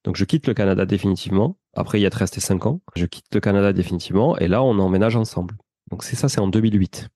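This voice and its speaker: A French man of about forty with a Toulouse accent tells his life story as a guest in a casual interview, speaking fast in a deep, dark-toned voice. The studio sound is clean and dry, and he chats freely, often turning to the host with "tu vois".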